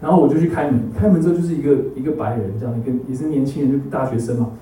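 Fast-talking preacher man in an echoey hall. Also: medium pitch, a little hiss or hum. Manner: drops English words into his Mandarin; animated storyteller who keeps asking the congregation for agreement. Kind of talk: sermon with personal testimony. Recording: echoey hall, mic far off.

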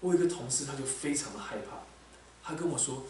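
A man preaching a sermon to a congregation, animated and asking them frequent questions. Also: medium pitch, quick pace. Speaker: pastor. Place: large echoey hall, church. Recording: very echoey hall, distant mic, faint background noise.

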